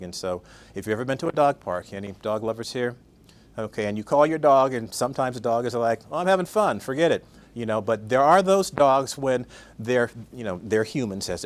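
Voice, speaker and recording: An older man giving a conversational conference talk, often asking the audience questions. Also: medium pitch. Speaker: guest speaker.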